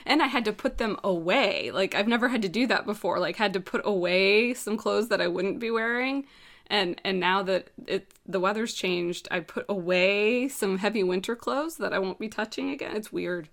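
A woman from Florida chatting as a guest over a remote call, giggly and quick to laugh. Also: medium pitch, a bit bright. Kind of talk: casual chat.

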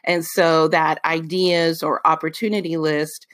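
A woman's voice: sits low, flat delivery, unhurried, a bit bright. A woman hosting a solo podcast, giving business advice in a chatty, loose way with folksy asides and frequent ums and restarts. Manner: folksy asides addressed to the listener. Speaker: podcast host.

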